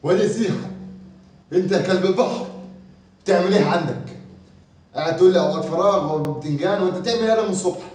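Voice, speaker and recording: A man with an Egyptian accent playing an exasperated, scolding head of the household in a comedy sketch, shouting insults and groaning. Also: high voice, very fast, pauses often, distant mic, natural voice. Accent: Egyptian Arabic. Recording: echoey room, off-mic, faint background noise.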